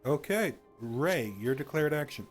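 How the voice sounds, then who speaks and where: A man's voice: a little high, expressive, measured pace. Guy dming a tabletop rpg, casual talk, music playing behind him. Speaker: game master of a tabletop RPG. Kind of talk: moderating a tabletop game, casual. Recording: background music under the voice.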